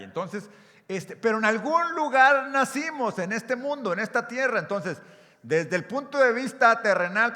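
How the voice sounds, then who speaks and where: Mexican pastor, man, bright forceful tone, slightly high, lively crowd-engaging sermon in a reverberant hall. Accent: Mexican Spanish. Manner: engaging, asks the crowd questions, repeats words. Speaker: pastor, conference speaker. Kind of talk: live sermon to a youth audience. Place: church or event hall.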